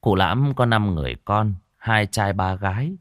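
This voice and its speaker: A man narrating a spoken story in a lively, colloquial, earthy way. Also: on the low side, moderate pace, no room sound, clean studio sound.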